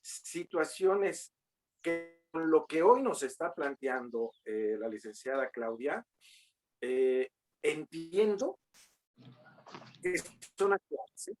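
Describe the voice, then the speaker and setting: Male moderator, unhurried, filler-heavy, jokes with the audience. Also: fairly high pitch, expressive, darkish tone, faint music behind, low-quality recording. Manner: slow, drawn-out, filler-heavy, joking asides. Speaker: forum moderator. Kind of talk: moderating an online legal forum.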